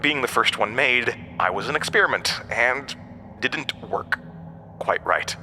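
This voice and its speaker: In the style of a horror audio drama, a bitter, manipulative ancient outcast, not human, tells his tale with jeering theatrical flair. The male voice is medium-pitched, animated and measured, sharp and forceful, ringing through cavernous reverb with a little background noise. His tone is bitter and wounded.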